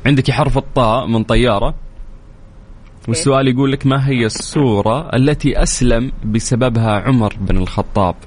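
A Saudi man hosts a call-in quiz on the radio at a quick clip. He teases his callers playfully and counts down fast. A faint hiss sits under his studio voice. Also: mid-range voice, darkish tone. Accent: Saudi Arabic. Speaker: radio show host.

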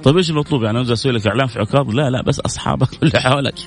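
A man's voice: mid-range voice, very fast, faint music behind. A man hosting a radio call-in show, giving earnest family advice and reading out listener messages.

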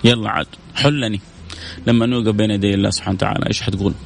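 Fast-talking, emphatic male preacher. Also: fairly low pitch, steady tone, creaky, a little hiss or hum. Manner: emphatic, repeats phrases for stress; conversational, addresses listeners directly. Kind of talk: live-streamed religious talk.

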